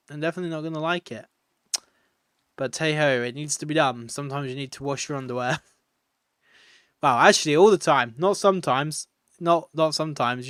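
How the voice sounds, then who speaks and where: A man's voice: mid-range voice, fairly bright tone, smooth, no echo, clean studio sound. A tired man, chatting casually and rambling while live-streaming a video game, often laughing at his own jokes.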